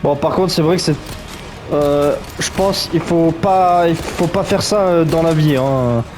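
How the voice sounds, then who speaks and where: A gaming streamer narrates a let's play, his voice slightly high and a bit slow, with music playing underneath. He comments as he goes, chatty, joking and quick to react.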